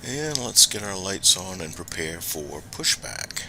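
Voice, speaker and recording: A man's voice: low-pitched, sing-song, unhurried, sharp tone, slight background noise, low-quality recording. A man playing a flight simulator as pilot, talking himself through checklist steps in short procedural phrases. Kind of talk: low-key procedural cockpit talk while playing.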